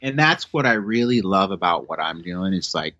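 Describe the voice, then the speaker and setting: A man's voice: low voice, lively intonation, normal speed, bright, forceful tone, no echo. A man in his fifties, a chiropractor guest on a podcast, talking emphatically and preachily in casual chat. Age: 50s. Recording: dull lo-fi sound.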